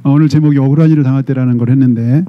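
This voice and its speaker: A man's voice: mid-range voice, fairly even intonation, racing, dull audio. A middle-aged male pastor preaching a sermon, retelling a story dramatically and often prompting the congregation with "eh?".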